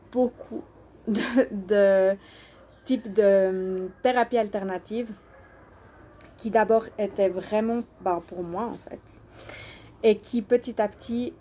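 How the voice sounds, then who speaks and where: Hosting a social media live, a doula and alternative therapy practitioner with roots in Switzerland and Portugal gives an informal self-introduction, hesitating as she searches for words. Her voice is mid-range and dark, with a little hiss or hum in the audio.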